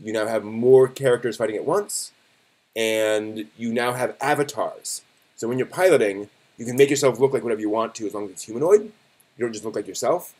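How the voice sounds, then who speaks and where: On a live stream, a man offers news commentary in a loose, chatty manner, stumbling a bit and frequently correcting himself. His voice is medium in pitch with a darkish tone.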